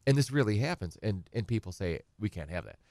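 A middle-aged man, a guest attorney on a talk show, rambles conversationally about estate planning and acts out his clients' questions. His lowish voice has a darkish tone and is very animated and fairly quick. Studio-quality audio with no room sound.

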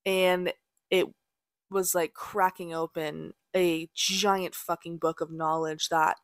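A woman's voice: fairly low pitch, flat delivery, takes it slowly, no room sound, studio quality. A young adult woman hosting a podcast, giving casual spiritual advice in a candid, blunt way, swearing freely and using many fillers. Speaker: podcast host.

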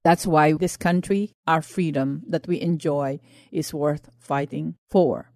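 A woman's voice: sits low, steady tone, slow, darkish tone, dry recording, studio quality. Earnest Filipino woman giving testimony. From Philippines. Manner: earnest, impassioned. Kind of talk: personal testimony and exhortation.

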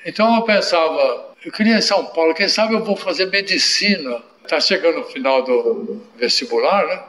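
An older man with a Brazilian accent, an interview guest telling anecdotes in an animated way, often adding tag questions. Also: fairly high pitch, roomy sound. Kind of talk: storytelling in an interview.

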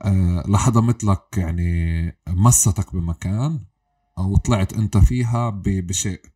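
A man's voice: deep voice, normal speed, mellow, breathy edge. A man with a Levantine Arabic accent, interviewing a guest in a conversational way as host.

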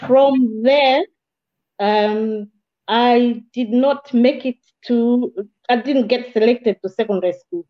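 A woman from Malawi, a guest in an interview, telling her life story in a measured, plain way with small restarts. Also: on the high side. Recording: slightly dull, muffled audio.

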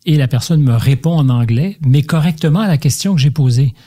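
A man's voice: on the high side, fairly quick, mellow. A man hosting an interview, asking formal, carefully phrased questions. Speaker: interviewer, podcast host.

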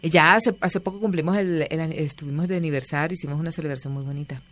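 Animated woman telling stories. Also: low-pitched, fast talker. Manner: animated storyteller, acts out quoted voices. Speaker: interview guest. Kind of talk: casual interview storytelling.

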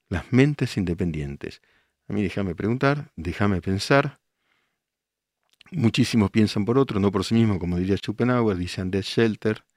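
Reading listeners' messages on his radio show, an older Argentine man answers them with forceful rhetorical questions. He has a lowish, darkish voice, captured in clean studio sound without any room noise.

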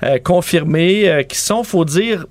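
Higher-voiced Quebec man reporting radio news. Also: unhurried, dry recording. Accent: Quebec French.

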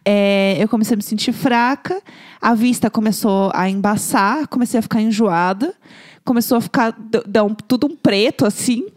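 High-voiced woman telling a mishap. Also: moderate pace. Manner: animated, laughing while telling a mishap. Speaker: podcast co-host. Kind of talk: casual storytelling chat.

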